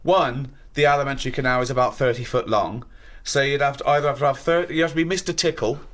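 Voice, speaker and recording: A man's voice: medium pitch, fast talker, fairly bright tone. A blunt, sceptical man taking a claim apart point by point.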